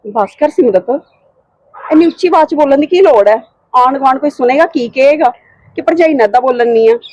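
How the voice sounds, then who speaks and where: A woman playing a tired, unwell young wife who pleads and tries to calm things down in a short home drama. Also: sits high, brisk, dull audio. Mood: placating. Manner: pleading, placating. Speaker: sister-in-law character. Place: home, indoors.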